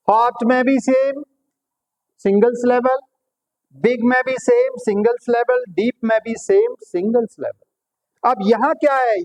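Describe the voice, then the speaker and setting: High-voiced man teaching grammar slowly. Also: a little mellow, rough recording. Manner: explains patiently, quizzing students with "clear?" and "right?"; addresses pupils as "beta". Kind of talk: classroom grammar lesson in Hindi and English.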